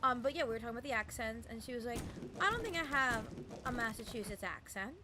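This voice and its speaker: Animated and quick, this young adult game streamer rambles through casual live-stream chat in a medium-pitched voice, peppering everything with "um" and "like." They love doing playful voices and mimicry, and background noise is audible.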